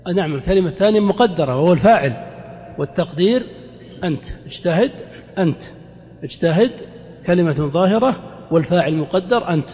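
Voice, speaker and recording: A man teaching a grammar lesson to a class. He asks his students questions, answers them himself and repeats his examples slowly for emphasis. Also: high-pitched, expressive, a little mellow. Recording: lecture hall reverb.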